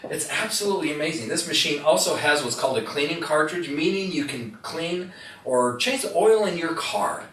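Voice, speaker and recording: A man's voice: fairly high pitch, animated, normal speed, a bit bright. A middle-aged man giving a live product demonstration, joking and asking the audience questions as he tells a story. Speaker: product presenter. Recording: echoey room, distant mic, faint noise.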